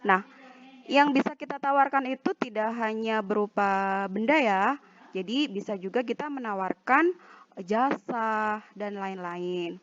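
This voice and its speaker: A woman with an Indonesian accent teaching an online English lesson, reading example sentences slowly and carefully. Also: medium pitch. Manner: slow, drawn-out example sentences. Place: at home. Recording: dull lo-fi home recording.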